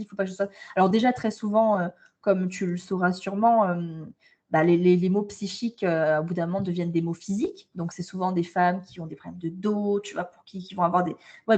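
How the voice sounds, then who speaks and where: A warm, mid-range female voice belongs to a French guest, a holistic coach for women, talking indoors while she travels abroad. In this casual interview she is frank and emphatic, and she often repeats her openings.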